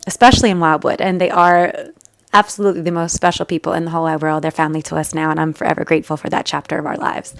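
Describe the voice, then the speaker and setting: A young woman talks to her viewers in a loose, rambling vlog, with lots of fillers and plenty of feeling. Her voice sits a little low for a woman. The recording is dry, with almost no room sound. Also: no echo. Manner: chatty, emotional, rambling with many fillers. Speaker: vlogger. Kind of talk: casual storytelling to camera.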